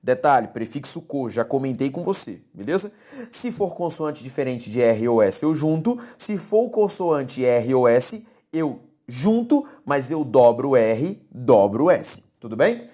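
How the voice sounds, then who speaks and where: A woman with a low, mellow voice teaches a recorded grammar lesson. She explains patiently, repeating key words and pausing to check that her students follow. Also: sing-song.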